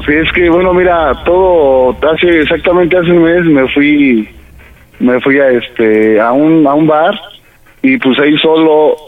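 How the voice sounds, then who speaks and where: A man's voice: on the high side, measured pace, phone-quality sound. A man on a radio prank call, hesitant and stammering as he pleads to be accepted. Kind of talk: prank call, playing a nervous son. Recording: radio broadcast with music behind.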